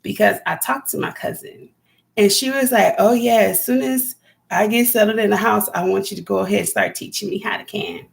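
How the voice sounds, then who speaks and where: On a live stream, a homesteading vlogger from California chats casually and rambles, greeting viewers by name. Her voice is raspy and medium-pitched, and she talks briskly.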